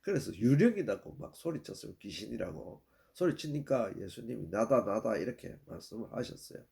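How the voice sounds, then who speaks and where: Older male preacher, gravelly, plain story-driven sermon. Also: medium pitch, sing-song, fairly quick, dark tone. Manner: plain storytelling with repeated "예" and restarts.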